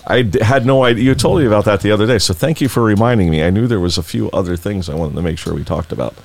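A man's voice: on the low side, rapid-fire, gravelly, a little mellow. A middle-aged man with a Boston accent, co-hosting a casual podcast, joking and laughing often. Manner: jokey, laughs often, signs off show. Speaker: podcast co-host.

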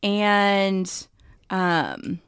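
A woman's voice: mid-range voice, drawn-out words, a bit bright, clear, resonant tone, no echo, studio quality. A woman co-hosting a podcast in casual chat, talkative, with many fillers. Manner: chatty, filler-heavy, laughs easily. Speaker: podcast co-host.

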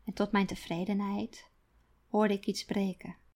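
A woman author reading her own first-person story aloud, quiet and deliberate. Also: mid-range voice, little pitch movement. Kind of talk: storytelling narration.

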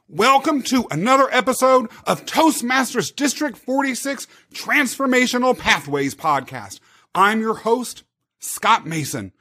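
A man hosting a podcast interview, asking upbeat, animated questions. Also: high-pitched. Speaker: podcast host.

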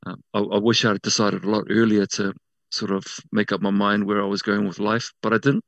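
A man from South Auckland with a New Zealand accent, telling personal stories casually as an interview guest, often halting and correcting himself. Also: on the low side, flat delivery, fairly bright tone, dry recording, dull audio. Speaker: interview guest working in media.

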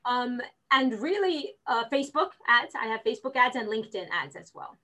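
A woman whose voice is on the high side talks at a moderate pace over poor audio. As a guest in a laid-back interview, this real estate recruiter stays energetic and animated, performing the dialogue she quotes.

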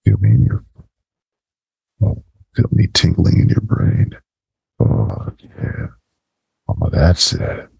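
Man with a deep, pitched-down voice. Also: wildly swooping pitch, vocal fry, a little mellow, slightly rough, no room sound. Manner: slow, murmured, commanding. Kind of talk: intimate erotic hypnosis monologue. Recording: dull lo-fi dry recording.

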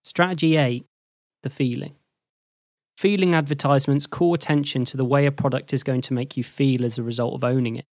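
Measured man explaining advertising steps. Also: medium pitch, no room sound, clean studio sound. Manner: measured, even delivery. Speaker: host and lecturer. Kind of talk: scripted explanatory narration.

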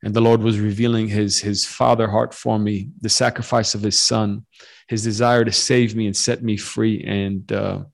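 A man's voice: on the low side, level tone, moderate pace, vocal fry. A man in his forties, born in Romania, telling his faith story as a guest on a podcast call, earnest and full of fillers and restarts. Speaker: guest missionary. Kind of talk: testimony in a podcast interview. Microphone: remote call over the internet.

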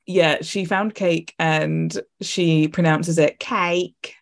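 A woman co-hosting a podcast in casual chat, talking in quick asides and laughing often. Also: low voice, steady tone, creaky. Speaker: podcast co-host.

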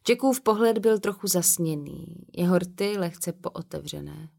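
A woman narrating an audiobook in a calm, measured reading. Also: fairly low pitch, vocal fry. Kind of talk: scripted narration.

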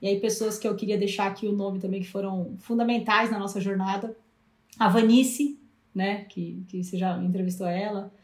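A Brazilian woman speaking as a guest, telling a story in a lively way and acting out past conversations. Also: medium pitch, a little fast, hardly any pauses. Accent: Brazilian Portuguese. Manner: animated, acts out past dialogues. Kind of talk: casual storytelling interview. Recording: roomy echo.

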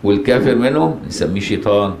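An expressive man with an Egyptian Arabic accent and a low, darkish voice teaches religion in plain colloquial speech, pausing to quiz his listeners and see that they keep up. Mosque echo and faint noise fill the recording.

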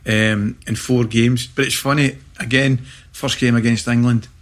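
A middle-aged Scottish man, a former footballer, telling lively anecdotes in casual chat and laughing through them. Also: mid-range voice, unhurried. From Scotland. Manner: animated anecdote teller, laughs through stories.

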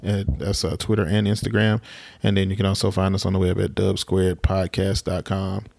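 A man's voice: sits low, little pitch movement, moderate pace, creaky, a little mellow, no room sound. A man from Alabama, hosting a casual podcast chat with teasing, dry banter. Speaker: podcast host.

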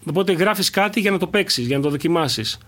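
A man's voice: high-pitched, expressive, a bit bright. A young man, a stand-up comedian, chatting casually in an interview and thinking aloud with many fillers and restarts.

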